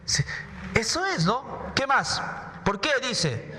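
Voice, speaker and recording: A male pastor preaching with a very high, piercing, bright voice. He drives his points home by repeating words and throwing questions at the congregation. His voice rings with a long reverb in the church hall. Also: sing-song, takes it slowly, slight background noise. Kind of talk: sermon.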